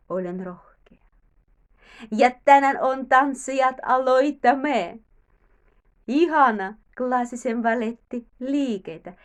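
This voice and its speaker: A woman teaching a ballet lesson for young girls, speaking slowly and encouragingly, counting steps aloud and repeating affirmations. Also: high voice.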